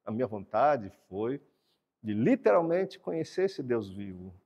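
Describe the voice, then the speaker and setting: A man giving a sermon-like talk about the brain and God, explaining a drawing with animated delivery and repeating words for emphasis. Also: mid-range voice, measured pace, in a large hall. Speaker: speaker teaching brain science and faith.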